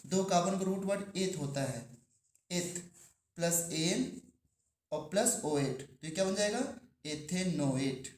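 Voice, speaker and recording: A man's voice: high voice, a little mellow. Man teaching in an echoey classroom. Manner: questions the class and repeats key terms slowly. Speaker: chemistry teacher. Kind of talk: classroom lecture.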